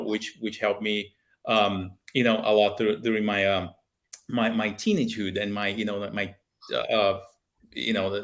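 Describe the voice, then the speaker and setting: Speaking through a webcam from a small home office with a picture of a plane, this guest has a lowish, fairly bright voice and a Brazilian Portuguese accent. He's a Brazilian pilot and aviation video maker in his thirties, earnest in a casual interview and prone to fillers and restarts.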